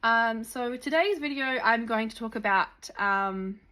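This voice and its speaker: A young New Zealand woman with a Kiwi accent sits and chats casually to camera as a vlogger, dropping in plenty of ums and likes. Her voice is fairly high, pushed and bright, and she takes her time.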